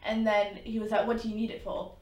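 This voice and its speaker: A woman, co-hosting a podcast and retelling a story in an animated way with quoted voices. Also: medium pitch, fast, distant mic, highs cut off. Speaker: podcast co-host. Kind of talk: casual chat, storytelling. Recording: echoey room.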